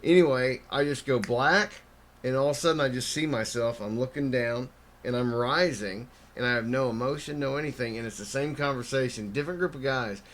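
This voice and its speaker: A man hosting a podcast, telling wild stories in an animated, profane way. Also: medium pitch, a little fast. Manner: animated, swearing storyteller. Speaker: podcast host. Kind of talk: casual chat.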